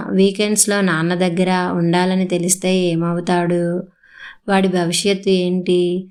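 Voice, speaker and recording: Woman audiobook narrator, low smooth voice, steady scripted reading.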